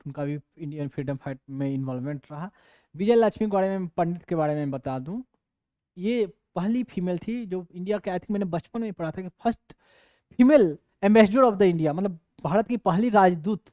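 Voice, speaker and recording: High-voiced chatty male lecturer, dull lo-fi sound. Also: dry recording. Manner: chatty, digressive, mixes in English terms. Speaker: exam coaching teacher. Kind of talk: casual classroom lecture. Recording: dull lo-fi dry recording.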